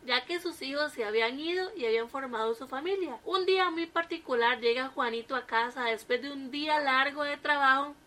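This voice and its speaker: A woman narrating a comic story in a lively, chatty way. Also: high voice, brisk, hardly any pauses, slight background noise.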